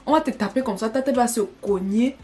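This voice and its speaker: A young woman telling a personal story in an animated, dramatic way for her vlog. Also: fairly high pitch, fairly quick. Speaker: vlogger.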